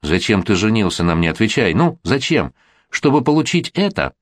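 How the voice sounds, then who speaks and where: A man voicing a hysterical, wounded middle-aged wife, shrill and mocking, in a read-aloud story. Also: lively intonation, moderate pace, fairly bright tone, no room sound, studio quality. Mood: furious.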